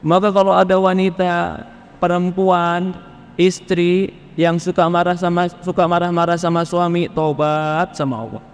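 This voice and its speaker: Male preacher, fairly high voice, animated delivery, long reverb of a hall. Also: a little slow, slight background noise. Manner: lively, acts out questioners from the congregation. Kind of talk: Islamic sermon on marriage.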